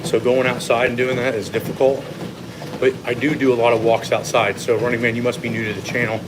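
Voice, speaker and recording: Guy fitness coach walking on treadmill, casually answering chat, opinionated, steady hum noise in back. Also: medium pitch, a little fast. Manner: talking while walking on a treadmill; explanatory, opinionated. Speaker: fitness coach hosting a live Q&A. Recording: clear steady machine noise behind voice. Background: treadmill or machine hum.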